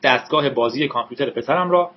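A man's voice: medium pitch, dull audio, noisy background, natural voice. A man voicing a stern, contemptuous male federal agent in a cold, clipped way.

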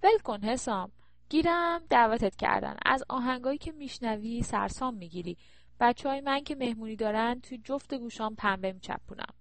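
A woman's voice: on the high side, animated, no room sound. A woman narrator voicing a blunt, dismissive woman with a wry tone in an audiobook.

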